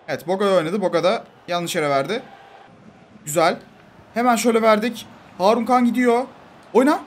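A man giving casual, excitable live commentary over his own football video game match and talking to the players on screen. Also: sits high, slight background noise. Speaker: gaming YouTuber.

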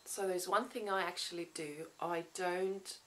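In a casual day-in-the-life vlog, a woman in her thirties, a human rights lawyer whose first language is Swedish, reflects on her workday, chatting with frequent ums and restarts. Her lowish, fairly bright voice stays fairly even at a measured pace. She films in a small living room, holding the camera at arm's length before putting it on the floor.

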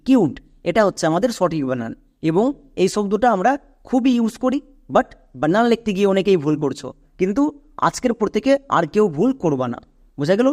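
A man's voice: sits high, a little mellow. A man teaching English spelling and pronunciation. He goes step by step, repeats each point patiently and keeps asking the viewer questions.

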